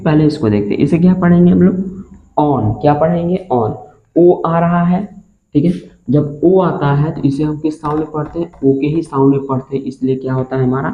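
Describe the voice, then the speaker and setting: A man teaching a spoken class lesson, spelling words out slowly and asking listeners to repeat after him. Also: on the high side. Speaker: English teacher. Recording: echoey room on a tinny, phone-like line.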